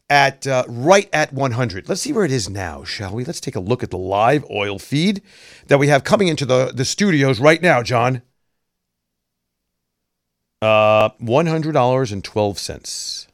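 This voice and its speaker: A man's voice: medium pitch, dry recording, studio quality. A man from New York hosting a casual talk show, making political commentary laced with sarcastic asides.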